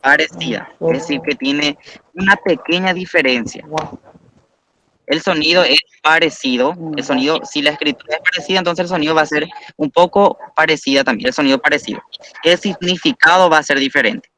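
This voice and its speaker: Male teacher, higher pitch, bright clear tone, patient step-by-step explainer. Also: a little fast, a little hiss or hum. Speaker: Guarani language teacher.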